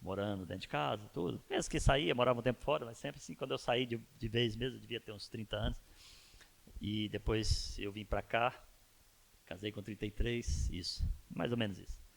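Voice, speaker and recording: A man's voice: lowish voice, fairly quick, creaky. A man, a pastor telling a personal story in a conversational church sermon and asking his listeners rhetorical questions. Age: 50s.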